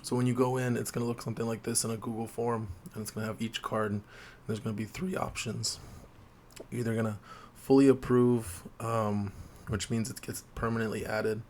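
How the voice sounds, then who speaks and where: Slightly hoarse from a sore throat, a man hosting a tabletop game video gives viewers a casual explainer, speaking quietly and briskly in a level tone with frequent fillers like um. His desk mic's gain is turned up, adding a bit of hiss or hum.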